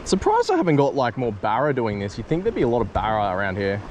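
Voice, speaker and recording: A young Australian man in his twenties filming himself fishing from a small boat, chatting casually and yelling with excitement when fish bite. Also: medium pitch, quick pace. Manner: excitable, swears, yells when fish strike. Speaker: fishing vlogger. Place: small boat on the sea outdoors. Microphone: camera mic on boat and head camera. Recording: wind and water noise outdoors.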